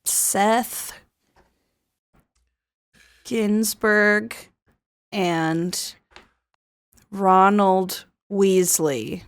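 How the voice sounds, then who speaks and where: A woman co-hosting a podcast, guessing answers aloud in unhurried casual chat. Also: mid-range voice, clean tone, dry recording, clean studio sound. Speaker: podcast co-host.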